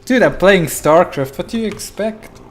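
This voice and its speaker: A man calmly commentating his own live strategy game, in a mellow, flat, laid-back voice, chatting and often laughing. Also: high voice, moderate pace. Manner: mellow, flat monotone delivery. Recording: noisy with keyboard clatter. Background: keyboard typing and mouse clicks.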